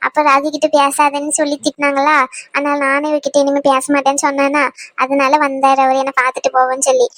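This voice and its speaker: Brief: woman, bright high voice, tender cartoon family drama. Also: monotone, fast talker, no echo. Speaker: voice actor for women in a family cartoon.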